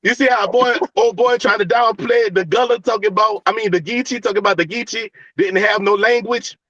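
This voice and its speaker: A man's voice: high-pitched, fairly quick, a bit bright, no echo, lo-fi sound. A man chatting casually in a blunt, emphatic, slangy way. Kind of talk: casual group chat.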